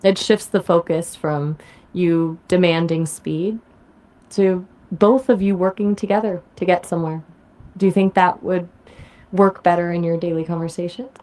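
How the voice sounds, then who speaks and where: A synthetic woman's voice of an AI assistant, pitched a little low, explains things in a polished conversational way. She closes each answer by turning a question back to the listener. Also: steady tone, moderate pace, a little mellow.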